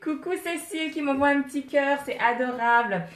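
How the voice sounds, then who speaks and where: A woman talks on a live stream from her home office, phone held in her hand, with a somewhat high voice. She chats freely, greets her viewers by name and laughs often. The sound carries a noticeable room echo. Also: a little fast. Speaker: MLM coach hosting a live stream.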